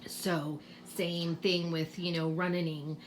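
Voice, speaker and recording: A woman's voice: fairly low pitch, little pitch movement, a little hiss or hum. A woman explaining spelling rules to parents in a casual home lesson, patient and full of fillers. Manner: slow, patient, with many fillers. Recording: roomy echo, faint ambience.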